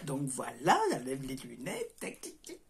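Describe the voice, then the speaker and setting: A woman's voice: a bass voice, wildly swooping pitch, moderate pace, vocal fry. A middle-aged woman with a southern French accent, chatting casually to camera in her craft workshop, hesitant with many fillers and restarts. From southern France. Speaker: crafts vlogger. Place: home craft workshop, indoors.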